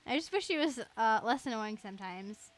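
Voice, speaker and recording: A female game streamer chats casually and giggly on a livestream, reading chat aloud as she goes. Her voice is fairly high, animated, and fairly quick.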